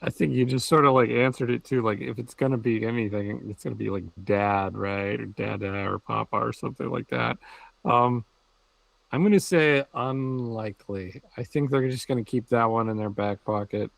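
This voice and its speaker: A man's voice: mid-range voice, steady tone, moderate pace, gravelly, dry recording, low-quality recording. A man co-hosting a podcast in casual chat, wry and hedging as he gives his predictions. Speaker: podcast co-host.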